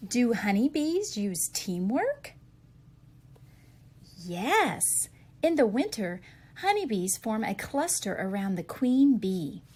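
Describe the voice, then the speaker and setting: Taking it slowly, a woman with a fairly high, slightly husky, somewhat mellow voice reads a children's picture book in a sing-song manner, expressively answering the questions she asks young listeners.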